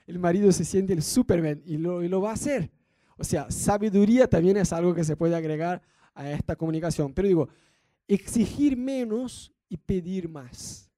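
A man with a Rioplatense Spanish accent giving a lively talk on marriage, often acting out what spouses say and asking whether the listener follows. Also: high voice, dry recording, clean studio sound. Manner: acts out quoted spouses, rhetorical asides. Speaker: marriage speaker.

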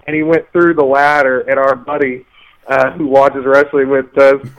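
A man co-hosts a casual podcast chat, telling stories with animated energy. He laughs his way through them. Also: medium pitch, normal speed, highs cut off. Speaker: podcast co-host.

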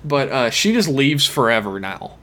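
A man co-hosting a podcast, giving a casual recap in a halting, hesitant way. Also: mid-range voice, sing-song, noisy background. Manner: hesitant, halting, frequent pauses. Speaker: podcast co-host.

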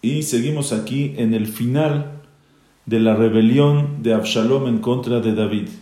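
A man's voice: mid-range voice, unhurried, warm tone, echoey room. A man teaching a Torah class, reading Hebrew verses aloud and then translating them, and he grows rising and emphatic when quoting.

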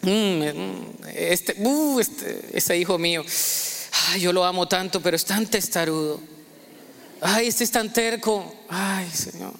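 A man's voice: high-pitched, takes it slowly, creaky, a bit bright, heavily acted. A man voicing a fond heavenly father who sighs tenderly over a stubborn son. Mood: fond, sighing. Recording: echoey hall.

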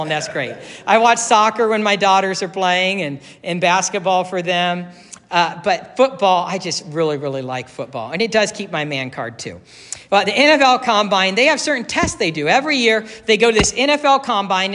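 A man's voice: sits high, fairly bright tone, big-room sound. A man preaching a sermon as pastor, conversational and folksy, with casual asides and self-corrections.

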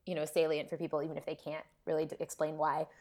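A woman's voice: low-pitched, monotone, quick pace, a little mellow. A woman researcher being interviewed, explaining her field informally in a conversational, checking way. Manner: informal, frequent "like" and checking "right?". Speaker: academic researcher, interview guest. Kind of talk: casual academic discussion.

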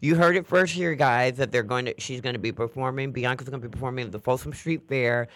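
A man's voice: mid-range voice, quick pace, a bit bright, no room sound. Chatty sassy guy hosting a talk show, laughs a lot, dry mic. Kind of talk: casual interview chat.

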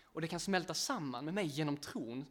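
A man's voice: a little high, animated. A man preaching a casual sermon, chatting directly with listeners, often laughing and poking fun at himself.

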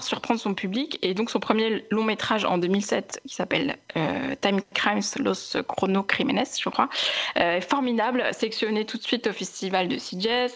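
A woman's voice: mid-range voice, fairly bright tone. A young woman hosting a casual film chat, chatty, with many fillers and restarts. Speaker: film podcast host.

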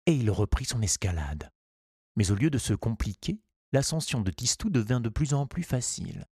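A man reading a children's storybook aloud in a calm, measured and gently expressive way. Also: lowish voice, no echo, clean studio sound. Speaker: audiobook narrator. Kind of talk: scripted storybook narration.

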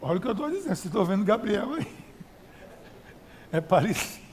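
High-voiced man preaching in a hall. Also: sing-song, quick pace, slight background noise. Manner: conversational preaching with rhetorical questions; repetitive emphatic phrasing. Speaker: pastor. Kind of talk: sermon.

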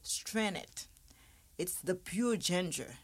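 A woman's voice: on the low side, expressive, slow pace. A woman from Haiti, a restaurant owner, chatting casually as a guest and often repeating her words. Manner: chatty, repeats words, tells little stories. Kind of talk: casual interview chat.

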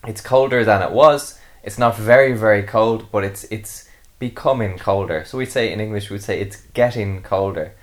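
Patient, low-voiced male podcast co-host. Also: moderate pace, hardly any pauses. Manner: patient, explanatory, frequent ums. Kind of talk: casual chat explaining English usage.

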